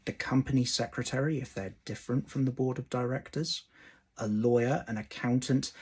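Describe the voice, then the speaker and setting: A man, an employment law solicitor, explaining a legal point in a measured way and stressing key words. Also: medium pitch, husky. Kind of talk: explanatory video talk to camera.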